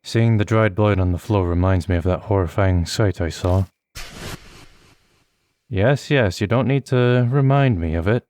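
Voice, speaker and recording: A man reading a horror visual novel aloud in steady first-person narration. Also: lowish voice, a little slow, dry recording. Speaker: let's play host. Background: faint game music.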